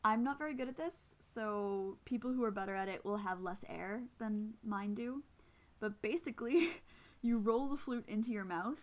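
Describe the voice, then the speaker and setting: A woman with a somewhat high voice speaks at a normal speed. She plays the flute, has missing teeth, and gives a casual, informal tutorial with demonstrations, hesitating as she explains and poking fun at herself.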